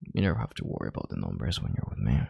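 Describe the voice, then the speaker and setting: In an intimate audio roleplay, a man voices a calm, controlling, arrogant CEO soothing his analyst, speaking with slow, deliberate, condescending authority. His deep, gravelly voice comes out as a breathy half-whisper, exaggerated and smug yet soothing. The studio recording is clean, with no echo.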